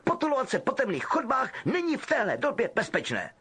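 A man's voice: very high voice, huge pitch swings, fairly bright tone, slightly rough, voice pushed up, full character voice. A male audiobook reader voicing a pompous, stern teenage prefect in a raised voice.

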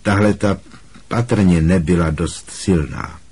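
Gentle worn-out teacher guy from a storybook, man reading him, low husky voice. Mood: gentle, reassuring. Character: kind, tired male teacher, middle-aged and pale. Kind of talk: audiobook reading.

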